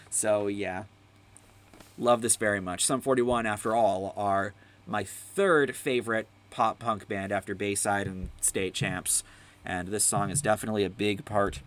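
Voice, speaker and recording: A man's voice: lowish voice, fairly bright tone. A young man hosting a casual music tier-list chat, rambling and enthusiastic, full of fillers, swearing now and then. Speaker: host.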